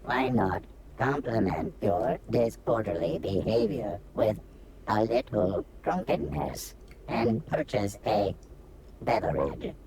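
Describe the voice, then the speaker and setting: A woman voicing a deadpan female bartending robot in a video game, her voice run through a robotic filter and delivered in flat, mechanical announcements like a machine booting up. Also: very deep voice, slow, heavily acted. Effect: robotic synthesized voice filter. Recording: game audio with crowd chatter behind.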